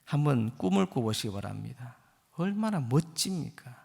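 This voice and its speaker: Fervent gravelly pastor in his fifties. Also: mid-range voice, very animated, normal speed, darkish tone. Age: 50s. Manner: impassioned preaching, rising to fervent exhortation. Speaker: guest pastor. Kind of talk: sermon. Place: church sanctuary. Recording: long church hall reverb.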